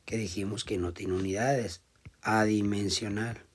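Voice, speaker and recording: A man giving a classroom lecture, explaining step by step and often checking in with the class, his volume swinging between loud emphasis and quiet asides. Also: lowish voice, fairly even intonation, a little slow, a little hiss or hum. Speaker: teacher.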